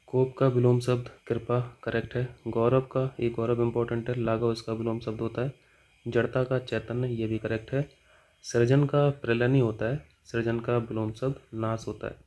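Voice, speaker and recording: A man's voice: medium pitch, mellow. A man teaching grammar, working through exam questions and answering his own questions as he goes. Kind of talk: explaining exam test answers.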